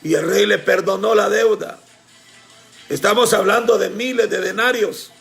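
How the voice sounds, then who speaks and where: A man preaching a sermon with fervor, often shouting and calling on his congregation as brothers. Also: sits high, moderate pace, creaky, faint music behind.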